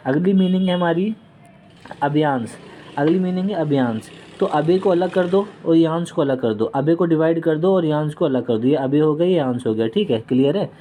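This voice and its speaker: A man's voice: on the high side, normal speed, warm tone, slight background noise. A man giving a casual vocabulary lesson, mixing Hindi with English words and repeating each word several times. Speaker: vocabulary tutor.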